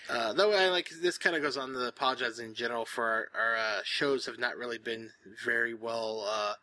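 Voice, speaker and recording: A man's voice: medium pitch, a little fast, pushed and bright, dry recording. A man co-hosting a casual podcast, rambling in long sentences with many fillers and self-corrections. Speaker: podcast co-host. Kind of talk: casual chat.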